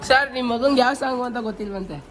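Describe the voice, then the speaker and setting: A woman's voice: on the high side, fast, over music. A woman dance teacher questioning and encouraging children in front of the camera, prompting them to speak up. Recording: echoey hall with crowd noise. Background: crowd chatter.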